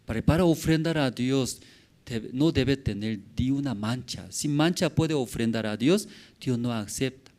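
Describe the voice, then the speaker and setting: A man preaching a sermon as pastor, with halting phrasing and many questions to the congregation, swinging from loud exclamations to quiet murmurs. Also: medium pitch. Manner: asks the congregation frequent rhetorical questions.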